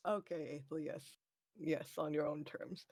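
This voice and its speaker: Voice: mid-range voice, fairly even intonation, measured pace, darkish tone, no room sound. Tentative, polite roleplayer in a dry room. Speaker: tabletop game player. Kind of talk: in-character roleplay.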